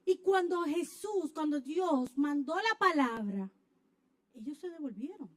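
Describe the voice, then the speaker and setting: High-voiced woman preaching in church, tells stories big, voice jumps all over. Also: unhurried. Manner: animated storyteller, acts out scenes, bursts into shouts. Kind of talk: sermon with personal story.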